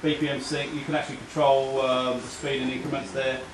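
An Australian man gives an off-the-cuff live product demo in a crowded store during a product night. His mid-range voice is brisk and fairly flat, and he's hesitant, full of ums and restarts. The shop echoes, and crowd noise fills the background.

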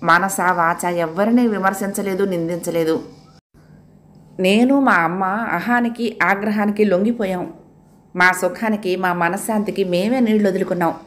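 A woman voicing a gentle grown man who speaks calmly and heartfelt to an old friend. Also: medium pitch, normal speed, close to an everyday voice. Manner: calm, heartfelt.

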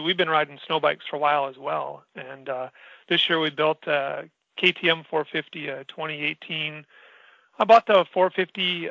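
A middle-aged man from Wisconsin, a sled brand's sponsor, telling stories in a relaxed way as a podcast guest. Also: on the high side, vocal fry, no room sound, muffled recording. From Wisconsin, US Midwest. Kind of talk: casual podcast interview.

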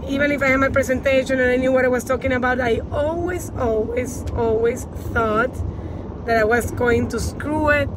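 A woman in her thirties with a Spanish accent and a high-pitched, fairly even voice speaks at normal speed. As a women's empowerment coach, she gives casual tips to the camera, repeating phrases for emphasis. She's inside a car, recorded on a phone held at arm's length, with loud car and road noise.

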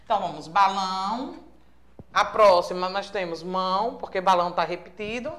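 A woman's voice: medium pitch, normal speed, fairly bright tone. A woman from Brazil with a Sergipe accent teaching a remote lesson to young children, prompting patiently and checking in often. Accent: Sergipe Brazilian Portuguese. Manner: patient, sing-song teacherly prompting with frequent checks like "certo?". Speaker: primary school teacher. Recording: echoey room.

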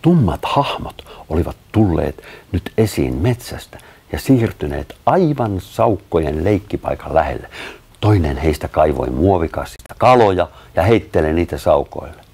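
A man narrating a children's story aloud in an expressive storytelling manner. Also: deep voice, creaky, husky. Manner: expressive storytelling with lively voiced dialogue.

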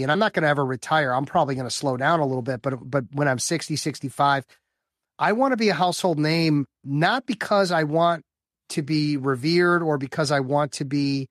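A man in his fifties from the Chicago area of the US Midwest speaks in a higher-pitched, fairly bright voice at a normal pace, recorded cleanly in a studio with no room sound. He's a guest on an interview, a business development coach for lawyers, answering questions enthusiastically and upbeat, often repeating words as he builds toward a point.

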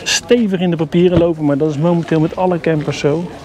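With a crowd audible behind him, a man tours a motorhome at a product show for his camper-review vlog. His voice sits on the high side, steady in tone and quick in pace, chatty and enthusiastic with light grumbling, all on noisy camera audio.

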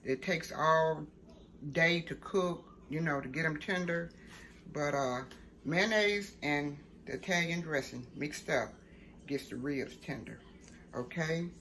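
Slowly, in a low and fairly bright voice, a middle-aged woman leads a casual home cooking demo, folksy and attentive to the viewer, often ending her statements with "okay?". Clear background noise runs through this noisy home video, filmed in her kitchen and afterward outdoors at a grill at night.

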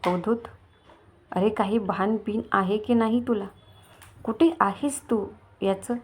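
A woman reads out a stern young man in a storybook, urgently scolding a friend to come to his senses. The voice sits at a middle pitch. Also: steady tone, slow pace, husky.

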